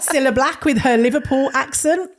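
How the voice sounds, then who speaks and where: Lively woman with a Brummie accent. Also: high voice, normal speed. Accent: Birmingham. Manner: lively storytelling, acting out quoted dialogue. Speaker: guest, brand and vision specialist. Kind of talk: podcast interview.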